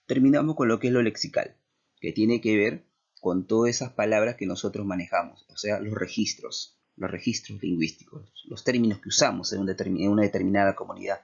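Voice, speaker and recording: A man's voice: on the low side, gravelly, breathy edge. A man with a Peruvian accent teaching a language class, explaining step by step and checking in with his students. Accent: Peruvian Spanish. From Peru. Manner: explanatory, with many tag questions. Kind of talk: classroom lecture. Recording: dull lo-fi recording.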